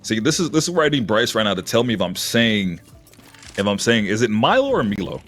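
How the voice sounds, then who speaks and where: A man doing live esports commentary as a caster, lively and husky, with casual asides. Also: fairly low pitch, fairly quick. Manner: animated esports caster delivery. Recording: music behind the voice. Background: music.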